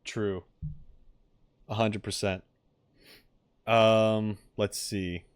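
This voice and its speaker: A streamer reacting to game videos chats casually close to the mic, informal, hesitant and musing. His voice sits on the low side, level, with drawn-out words and a clear, resonant tone in a dry recording.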